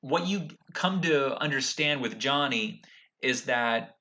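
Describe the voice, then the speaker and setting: A man hosting an unscripted talk about golf, with halting, reflective phrasing. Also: medium pitch, animated, sharp tone. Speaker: host of a golf commentary show.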